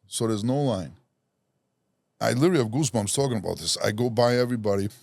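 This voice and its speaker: Gravelly-voiced man spinning a story. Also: mid-range voice, quick pace, no room sound, studio quality. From Rhode Island, USA. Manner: animated, acts out quoted voices, self-deprecating. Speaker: podcast guest. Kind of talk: casual storytelling.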